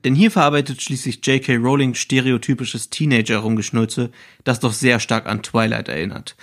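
A man with a mid-pitched voice co-hosts a casual book podcast. He makes sarcastic remarks and reads the narration of the excerpts aloud. His delivery stays conversational. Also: steady tone, moderate pace.

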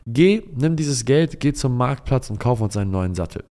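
A man voicing a patient, devout merchant father who speaks gently in a told story. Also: mid-range voice, expressive, moderate pace, close to an everyday voice. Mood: calm. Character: calm, pious older merchant and father.

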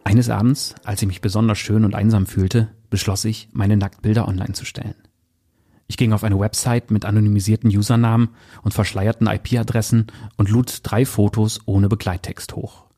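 Male book reviewer: dark, husky delivery, calm and measured, faint music underneath. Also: on the low side. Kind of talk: book review with read-aloud excerpt.

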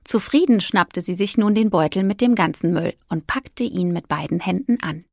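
A woman reads a story aloud expressively, her voice grainy and a little husky. The sound is close and dry, with no room around it. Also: lowish voice, moderate pace, darkish tone, no room sound. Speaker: narrator. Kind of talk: audiobook narration.

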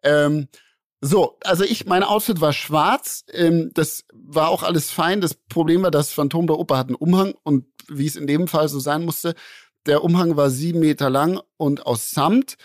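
A man, telling a long story as a podcast co-host in a lively, slangy way and acting out the voices in it. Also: on the high side, moderate pace, no room sound, clean studio sound. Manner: animated, acts out voices in his anecdote, slangy. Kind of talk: casual storytelling among friends.

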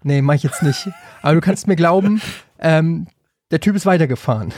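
A man's voice: on the high side, a little fast, a little mellow. Rambling, agitated man telling a story. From Frankfurt, Germany. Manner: rambling, with many restarts and hesitations, getting worked up as the story builds. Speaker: podcast co-host. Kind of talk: casual storytelling chat.

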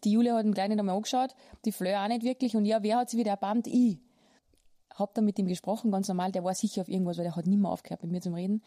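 A woman's voice: medium pitch, fairly even intonation, racing, dark tone, no echo, studio quality. A young Austrian woman hosting a casual podcast chat, blunt and rambling, swearing freely. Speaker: podcast host.

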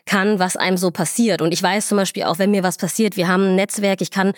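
A woman's voice: medium pitch, fairly even intonation, quick pace, no room sound. Reflective young woman, dry close sound. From Somalia, raised in Germany. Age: young adult. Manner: reflective, many fillers. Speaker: resident doctor in gynecology and obstetrics. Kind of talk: podcast interview.

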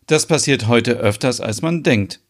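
A man's voice: mid-range voice, measured pace, close to an everyday voice. Man playing a sensible, knowing married woman. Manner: knowing, explanatory. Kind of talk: podcast soap opera acting.

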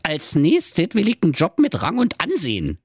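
A man's voice: fairly high pitch, wildly swooping pitch, moderate pace, husky, dry recording, clean studio sound, pitched above the performer's own voice, exaggerated voice. A man voicing a greedy, lazy wife who nags and insults her husband. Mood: smug. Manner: bossy, insulting, crude. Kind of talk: comic fairy tale reading.

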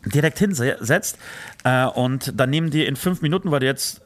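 A man's voice: medium pitch, normal speed. A man chatting casually in German, telling stories with many fillers, restarts and teasing asides. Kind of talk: casual chat.

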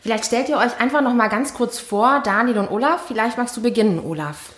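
A woman's voice: a little high, a little fast. A woman interviewing two podcast hosts, with an upbeat, inviting manner.

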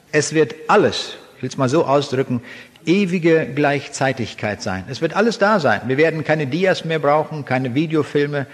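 A man preaching a sermon in an earnest, deliberate way, slowing down to stress the scripture he quotes. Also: a little high. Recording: long reverb of a large hall.

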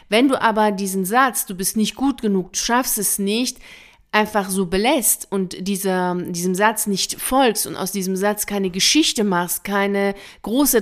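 A woman giving a motivational self-help talk as a career coach, speaking calmly and directly to the listener and building her points in repeated lists. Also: mid-range voice.

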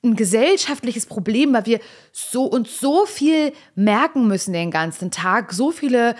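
A woman's voice: a little high, lively intonation, unhurried. A woman co-hosting a casual podcast chat, talking in a chatty way and stressing points by repeating them. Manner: chatty and emphatic, often repeats herself for stress. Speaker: podcast co-host.

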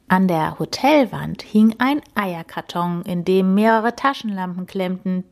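A woman reading a children's story aloud and signing off, gentle and unhurried. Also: lowish voice. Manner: gentle and unhurried, with lively inflection.

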